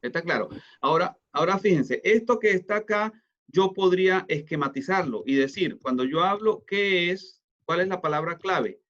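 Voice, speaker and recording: A middle-aged man teaching a class over a call, in a fairly high voice. He explains patiently, checks understanding with frequent tag questions, and the audio comes through a little dull and lo-fi. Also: animated, normal speed, a bit bright. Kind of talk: online lecture.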